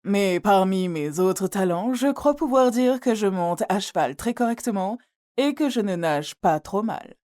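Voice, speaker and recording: A woman's voice: medium pitch, moderate pace, mellow, natural voice. A woman voicing a cultured, playful young American singer in an audiobook, speaking politely. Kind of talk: audiobook character reading.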